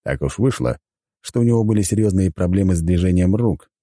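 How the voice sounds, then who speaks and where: A man's voice: low voice, expressive, brisk, mellow, no room sound. A man narrating an audiobook in first person in a wry, conversational way, close to the mic.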